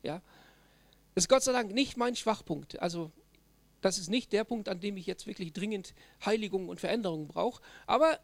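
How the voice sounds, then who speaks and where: A man's voice: sits high, vocal fry, no echo. A man preaching a sermon as pastor, emphatic and direct, often tagging his points with a questioning "ja?" to the congregation.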